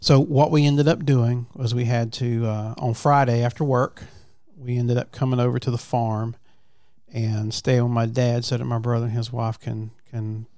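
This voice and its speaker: Gravelly man, casual chat. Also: medium pitch, steady tone, moderate pace, mellow, dry recording, studio quality. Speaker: podcast host. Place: at a family farm.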